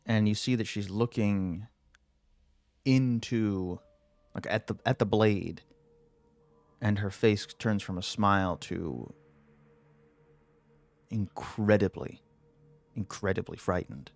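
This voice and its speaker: A man narrating a tabletop fantasy game as game master, telling it with suspense and deliberate pauses. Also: fairly low pitch, a little mellow, soft background music.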